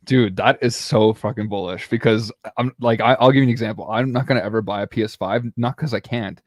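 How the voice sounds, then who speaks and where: A man's voice: fairly low pitch, a little fast, no echo, studio quality. A young man hosting a casual interview, enthusiastic and full of fillers like "like" and "you know". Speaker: podcast host.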